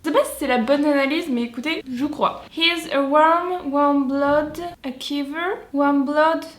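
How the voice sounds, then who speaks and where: A woman's voice: high voice, a little slow, echoey room. A young French woman reacting to and translating a song, chatty and thinking aloud with hesitations. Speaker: music video reactor.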